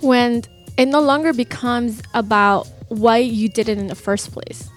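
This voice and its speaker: A woman's voice: a little high, measured pace. A woman guest on a radio interview, earnestly and reflectively talking about coaching music artists. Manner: earnest, reflective, laughs readily when teased.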